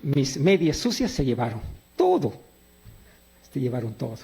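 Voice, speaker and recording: A middle-aged man from Peru preaches an animated sermon, posing questions to his listeners, answering them, and sharing personal stories. His medium-pitched voice is brisk with a breathy edge.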